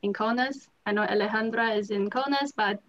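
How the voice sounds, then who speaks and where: A woman's voice: medium pitch, brisk, highs cut off, a little hiss or hum. A woman in her thirties from Taiwan, casually introducing herself to a group. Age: 30s. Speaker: participant, university worker and PhD student.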